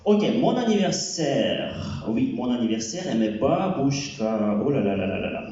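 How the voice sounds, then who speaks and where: Slow halting man on a far stage. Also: medium pitch, sing-song, dark tone. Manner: halting, with many fillers and repeated words. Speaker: stand-up comedian, French teacher. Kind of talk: stand-up comedy set. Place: comedy club stage. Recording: echoey hall from far off, dull sound.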